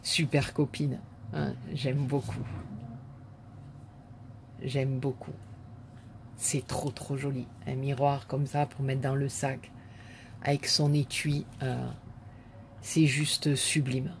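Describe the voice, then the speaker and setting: A woman's voice: rumbling low, level tone, slow pace, gravelly, pauses often, background noise. A woman vlogger chatting casually to viewers as she unboxes a parcel, gushing and repeating her words of praise with many fillers.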